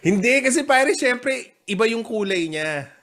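Lively joking man on a casual call. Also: very high-pitched, unhurried. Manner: joking, laughs often, animated storytelling. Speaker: podcast host. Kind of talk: casual chat.

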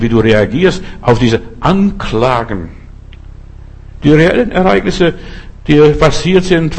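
A man's voice: medium pitch, breathy edge. A male preacher giving a sermon, emphatic and repetitive, speaking straight to the listener and often restarting words.

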